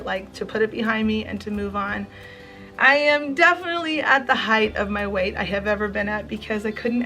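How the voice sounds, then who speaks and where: A home and craft vlogger in her forties speaks earnestly to her viewers, emotional, near tears, and full of thanks. Her mid-range voice has a bright, forceful tone.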